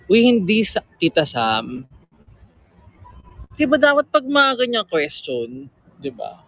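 Gravelly guy chatting on a phone livestream, bit high, throat a little sore, teasing fans. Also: wildly swooping pitch, slow, fairly bright tone, no room sound, rough recording. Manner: chatty, teasing, reads fan comments aloud. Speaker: livestream host. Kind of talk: casual livestream chat with fans.

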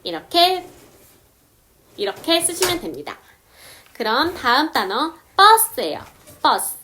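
A woman explaining English words step by step, saying example sentences slowly. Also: high voice, sing-song, sharp tone, a little hiss or hum. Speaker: English teacher. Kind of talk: casual video lesson.

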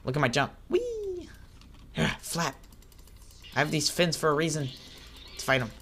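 A man giving excitable let's play commentary, chattering at the creatures on screen as he plays. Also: a little high, moderate pace, a little hiss or hum. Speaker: gaming channel host.

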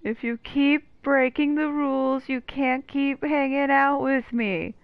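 Speaking slowly and steadily in a high-pitched voice, this gaming streamer offers casual commentary and reads lines of dialogue aloud. The recording is dry, yet her mic comes across dull and muffled against the game music behind her.

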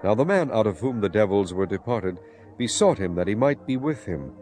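With a low voice and varied, expressive intonation, a man reads scripture in a dramatized way, moving a little fast. Soft music plays underneath him.

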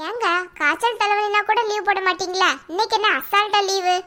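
A woman voicing a defensive, quick-tempered young wife in a cartoon, pleading her case in a Tirunelveli Tamil accent. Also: very high-pitched, steady tone, sharp tone. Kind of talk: cartoon voice acting.

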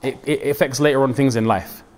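A man's voice: medium pitch, a little fast, in a large hall, slight background noise. A man giving an informal, conversational sermon, often acting out what people say. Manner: conversational, animated, acts out quotes and mixes in religious phrases. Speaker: Islamic preacher.

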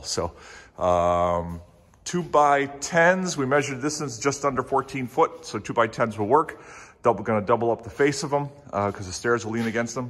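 A man's voice: fairly low pitch, a bit bright. A middle-aged man narrating a casual walkthrough of his barn project, rambling with lots of fillers, filmed on a handheld phone inside a large metal barn. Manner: rambling, many fillers, folksy. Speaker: DIY barn builder. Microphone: handheld phone camera.

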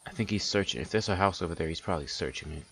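A man narrating his survival game play as he goes, excitable and repeating "dude" often. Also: low-pitched, rapid-fire, a little hiss or hum. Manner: excitable, keeps saying "dude". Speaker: gaming channel host. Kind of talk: let's play commentary.

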